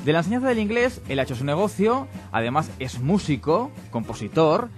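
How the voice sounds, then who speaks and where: A man's voice: on the high side, sing-song, a little fast, faint music behind. A man hosting a radio talk show, enthusiastically introducing a guest. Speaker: radio host.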